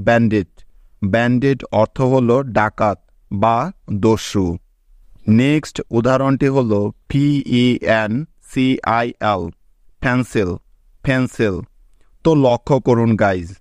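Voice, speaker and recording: Guy doing a vowel lesson, smooth clear voice, slow and patient, says each word twice, dry close mic. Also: medium pitch, no echo. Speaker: English teacher. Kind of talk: step-by-step spoken lesson.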